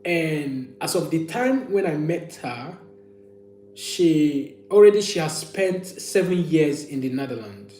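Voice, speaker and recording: A man's voice: on the high side, warm tone. Man livestreaming casually in an echoey room. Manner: repeats and restates phrases for emphasis. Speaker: livestream host. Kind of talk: casual live chat, sharing personal stories and opinions. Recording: echoey room with faint hum.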